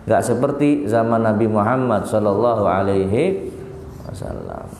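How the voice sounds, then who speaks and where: A man's voice: big pitch swings, moderate pace, darkish tone, slight background noise. Male preacher, dramatic sermon storytelling with voiced quotes, recorded in a reverberant hall. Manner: dramatic, acts out quoted lines with rising pitch. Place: large hall at a religious gathering. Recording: echoey hall with long reverb.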